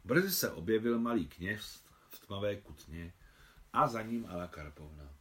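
A man, the translator, reading his own translation of a novel aloud in an expressive way. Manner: expressive reading with wide pitch swings.

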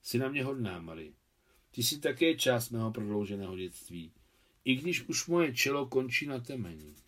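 A man voicing a middle-aged, greying aviator who speaks in a calm, reflective, wry way in an audiobook. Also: medium pitch.

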